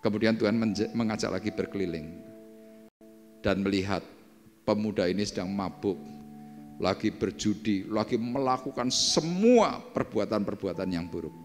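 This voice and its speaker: A male pastor preaching a sermon and telling a story dramatically, swinging between hushed and emphatic lines. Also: fairly low pitch, moderate pace. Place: church service hall. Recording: echoey church hall with faint music.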